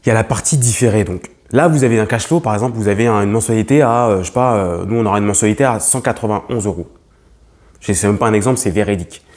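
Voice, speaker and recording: A man's voice: lowish voice, fast, a little mellow. A young man, giving a lesson to camera on property investing, emphatic and repetitive, with many fillers and restarts. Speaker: real estate investor vlogger.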